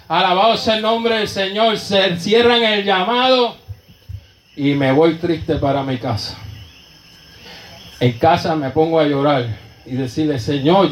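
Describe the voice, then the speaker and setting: A fervent male preacher with a Puerto Rican Spanish accent tells his story from the pulpit, breaking into praise every few breaths. His voice sits high for a man. The sound rings around an echoey church room. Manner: fervent, with constant interjections of praise. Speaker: pastor. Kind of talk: sermon testimony.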